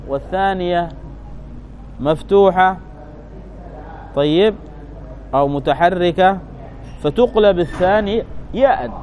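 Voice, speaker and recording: High-voiced male teacher quizzing his class. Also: darkish tone, a little hiss or hum, low-quality recording. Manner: asks the class questions and answers them himself; repeats key points, thinks aloud. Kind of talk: classroom grammar lesson, reading and explaining a text.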